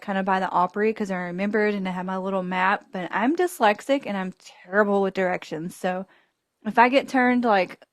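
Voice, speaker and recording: A woman with a mid-range voice hosts a podcast and animatedly narrates a travel mishap, laughing frequently and voicing the people in her story. It's studio-quality audio without any room sound.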